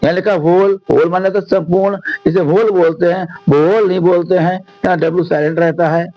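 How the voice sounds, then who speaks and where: A man from India with a Hindi accent, teaching an English lesson in Hindi and reading the English lines out slowly. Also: high-pitched, steady tone, no echo, lo-fi sound. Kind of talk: classroom lesson explanation.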